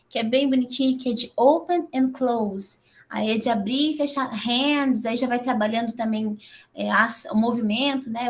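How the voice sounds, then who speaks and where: Brazilian woman teacher, middle-aged, fairly high voice, chatty and animated, leans on "né" between phrases. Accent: Brazilian Portuguese. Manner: chatty, fills with frequent "né"; animated, laughs and jumps up in pitch. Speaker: English teacher presenting to fellow teachers. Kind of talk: teacher training talk.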